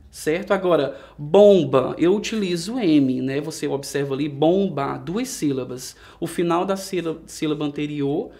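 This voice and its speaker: A man with a Brazilian Portuguese accent teaching a recorded adult-education lesson, explaining patiently step by step and sounding out words slowly, syllable by syllable. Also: sits high, a little mellow. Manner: patient, explains step by step, often checks with "né?" and "certo?".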